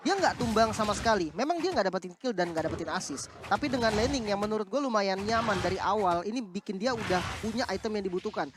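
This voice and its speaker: Fast man analysing a game, noisy background. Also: high-pitched, lively intonation. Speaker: esports analyst caster. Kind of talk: analytical game commentary in casual slang. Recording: clear background noise with clicks.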